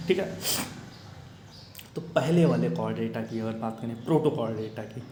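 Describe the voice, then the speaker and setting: A man's voice: mid-range voice, a little slow, a little mellow, a little hiss or hum. Chatty man teaching biology, echoey room. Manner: chatty, keeps asking "okay?", acts out student questions. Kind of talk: casual Hindi lecture for exam students.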